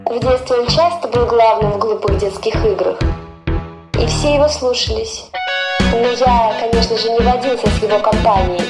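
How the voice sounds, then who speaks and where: A woman's voice: on the high side, normal speed, roomy sound, over music, close to an everyday voice. Woman as Urfin Jus, vain scheming would-be ruler. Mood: smug, resentful. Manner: self-important, grumbling, theatrical. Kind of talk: dramatised fairy-tale storybook narration.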